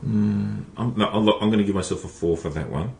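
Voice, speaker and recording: A man's voice: on the low side, a little fast, vocal fry, darkish tone, slight background noise. A man hosting a casual podcast, rambling with lots of restarts and fillers. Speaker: podcast host. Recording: echoey room, faint ambience.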